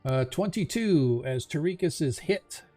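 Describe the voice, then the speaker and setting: A man's voice: a little high, animated, a little slow, warm tone, soft background music. A man casually running an online tabletop roleplaying game as its game master.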